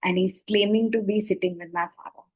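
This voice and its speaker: A woman's voice: medium pitch, steady tone, brisk, darkish tone, poor audio. A woman with an Indian accent gives a conversational explanatory talk as an educator, acting out short example remarks and checking in with "right?". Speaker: scam awareness educator.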